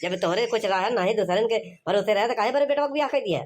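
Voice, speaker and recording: A performer voicing a hot-headed young village man in a cartoon comedy, shouting threats in a rough Awadhi accent. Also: medium pitch, lively intonation, fast talker, a little hiss or hum, close to an everyday voice. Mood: threatening.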